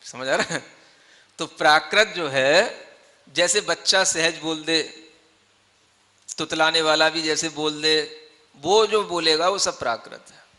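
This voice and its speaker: A man, a monk, teaching scripture, with a fairly high, bright, forward voice. He explains patiently with everyday examples and keeps asking his listeners whether they follow. His voice carries a long reverb from a large hall. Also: a little slow, long pauses. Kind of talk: classroom-style scripture teaching.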